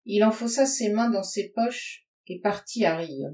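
Une femme lit à voix haute un récit littéraire à la première personne, d'un ton posé et expressif. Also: female voice, mid-range voice, measured pace, dark tone. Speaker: audiobook reader. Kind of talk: literary narration read aloud. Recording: roomy sound from a distance.

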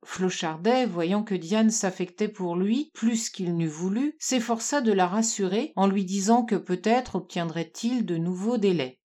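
A woman's voice: mid-range voice, unhurried, few pauses, dark tone. A woman narrating a classic French novel aloud, reading all the characters with small shifts of voice. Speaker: audiobook narrator.

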